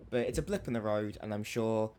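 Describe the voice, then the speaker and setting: A man's voice: on the low side, fairly quick, darkish tone, a little hiss or hum. A man guesting on a podcast, talking in an enthusiastic, opinionated way and repeating words as he starts a point. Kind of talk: casual chat.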